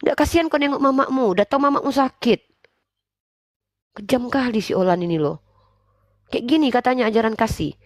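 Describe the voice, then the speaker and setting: A woman hosting a religious debate livestream, scolding and preaching in a forceful way. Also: fairly high pitch, brisk, pauses often, no echo. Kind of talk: livestream talk.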